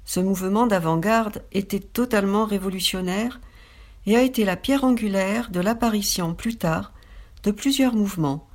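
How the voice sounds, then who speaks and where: A woman's voice: mid-range voice, normal speed. A woman giving a scripted, informative narration with a light, playful touch. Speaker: presenter.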